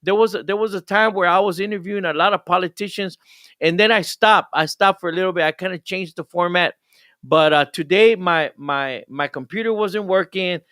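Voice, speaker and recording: Older man hosting a radio show, crisp and dry. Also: high-pitched, a little fast, pushed and bright, no echo. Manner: enthusiastic, rambling with frequent restarts. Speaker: radio show host and pastor. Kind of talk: casual live radio show talk.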